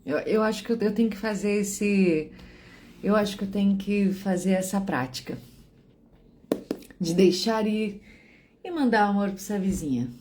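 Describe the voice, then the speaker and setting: A woman casually telling a story, acting out both sides of her phone calls with lively switches of voice. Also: mid-range voice, moderate pace, pauses often, a little hiss or hum. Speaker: vlogger telling a personal story.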